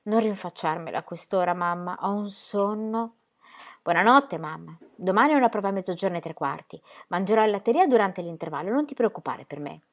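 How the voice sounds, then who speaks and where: A woman's voice: medium pitch, lively intonation, brisk, close to an everyday voice. A woman reading aloud and voicing a sleepy, dismissive grown daughter with a languid, sardonic manner. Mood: weary. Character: weary adult daughter, sleepy, dismissive singer.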